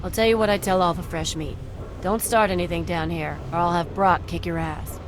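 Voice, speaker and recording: A woman's voice: lowish voice, fairly even intonation, a little fast, background noise, natural voice. An actress playing a surly, foul-mouthed woman who runs a bar in a video game, brusque and scornful.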